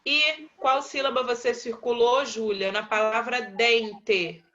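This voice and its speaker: Uma professora brasileira dando aula por videochamada, com voz viva e clara. Ela fala bem devagar e repete cada resposta com paciência. O som da chamada chega abafado. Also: female voice, on the high side, steady tone, pushed and bright, highs cut off, slight background noise. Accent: Brazilian Portuguese. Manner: patient, slow, calls on pupils by name and repeats answers. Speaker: primary school teacher. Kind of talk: online class, quizzing pupils.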